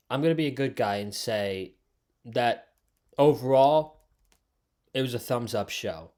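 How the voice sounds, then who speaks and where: American man giving an emphatic casual review. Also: medium pitch. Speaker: host of a wrestling review channel. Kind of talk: casual opinionated video review.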